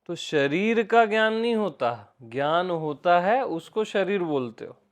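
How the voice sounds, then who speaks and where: A man's voice: sits high, animated, a little slow. A man with an Indian accent giving an informal spiritual discourse, teaching by repetition and by asking his listeners questions.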